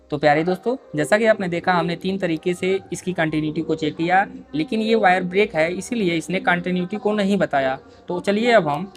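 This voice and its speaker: A man hosting a repair tutorial, explaining each step patiently as he works and often calling his viewers dear friends. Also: sits high. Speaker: repair video host.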